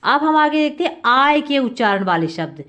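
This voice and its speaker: A woman with a high, light voice explains a grammar lesson step by step. She keeps asking the class a question and answering it herself, and stretches out the sounds she wants them to hear. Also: very animated, normal speed, fairly bright tone. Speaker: Sanskrit teacher.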